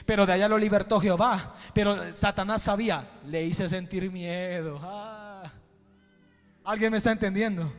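A man preaching a sermon as pastor, moving between hushed passages and fervent shouting. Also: high-pitched, fairly even intonation, normal speed. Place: church. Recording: reverberant hall with music underneath.

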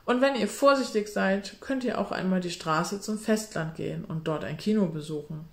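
A woman's voice: on the low side, moderate pace, gravelly. Woman doing a cold bossy stepdad from a kids' storybook, clipped orders, roomy echo. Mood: polite. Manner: clipped, commanding. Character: cold, stern smiling stepfather, middle-aged man.

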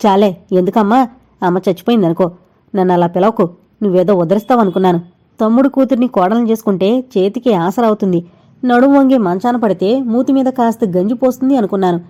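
A woman voicing a loud scolding old mother. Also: medium pitch, fast, lightly acted. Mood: angry scolding. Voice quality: loud, ringing voice. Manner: scolding, shouting. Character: loud scolding elderly mother, sharp-tongued grandmother. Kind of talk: audio novel reading.

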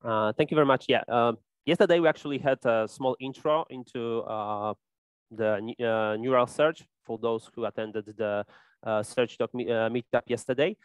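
Halting male tech conference speaker. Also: mid-range voice, clean tone, no room sound, highs cut off. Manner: hesitant, many fillers and restarts. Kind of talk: technical conference talk. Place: conference hall.

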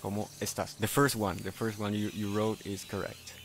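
A man streaming a game in casual chat, speaking careful non-native English, halting and self-correcting, laughing often. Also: lowish voice, little pitch movement, a little hiss or hum.

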